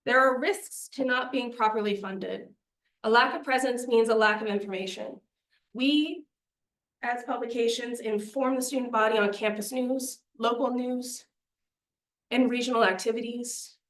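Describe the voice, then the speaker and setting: A woman's voice: a little high, moderate pace, a bit bright. A young woman presenting a student media budget to a committee, earnest and persuasive, a little out of breath. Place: meeting room. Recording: echoey meeting room.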